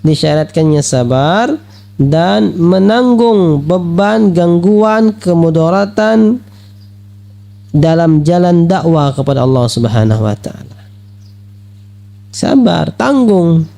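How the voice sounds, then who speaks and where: A man preaching at a religious study lecture, lively and full of rhetorical questions, acting out the voices he quotes. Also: a little high, vocal fry. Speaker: Islamic preacher.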